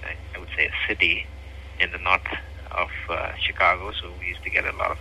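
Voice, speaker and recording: A man from Nepal with a Nepali accent speaks earnestly as a physician guest. His voice is very low yet strikingly bright and forceful, and he hesitates often with many fillers. Faint noise runs behind him on the line. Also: monotone, fairly quick, vocal fry, rough recording. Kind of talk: interview.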